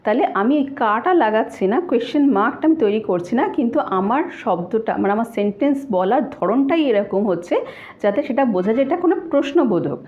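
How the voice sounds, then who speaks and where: A woman teaching Japanese grammar in a casual online lesson, explaining slowly and repeating each example phrase. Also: fairly high pitch, lively intonation. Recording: tinny, phone-like audio.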